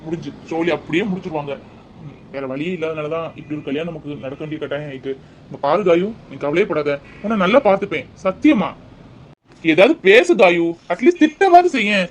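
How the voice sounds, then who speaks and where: A man's voice: high-pitched, slight background noise. A man voicing an earnest young newlywed husband in a cartoon, coaxing and pleading with his wife. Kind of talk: cartoon voice acting.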